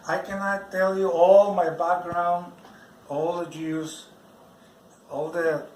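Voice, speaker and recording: A man, not a native English speaker, giving a personal religious testimony in halting speech, often restarting and repeating his words. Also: sits high, little pitch movement, a little mellow, a little hiss or hum. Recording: roomy, from some distance off the mic.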